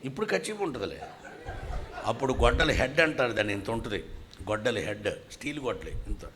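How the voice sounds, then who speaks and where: A man's voice: medium pitch, animated, fast talker, a bit bright, a little hiss or hum. A man, a pastor giving his testimony in church and acting out the dialogue in different voices. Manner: acts out dialogue with shifting voices. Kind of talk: animated storytelling testimony.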